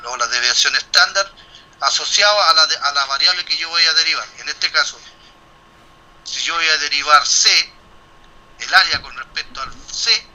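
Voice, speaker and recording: In this low-quality recording, a middle-aged man lectures at a university, working through a statistics problem in a classroom explanation. He restarts and poses rhetorical questions as he thinks aloud, his fairly high voice sounding pushed and bright.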